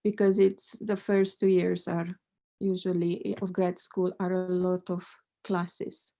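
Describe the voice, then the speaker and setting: Her voice is lowish and mellow with vocal fry, moving little in pitch as she takes things slowly. She is a middle-aged Romanian math professor fielding panel questions, pondering carefully, hesitating and frequently starting over.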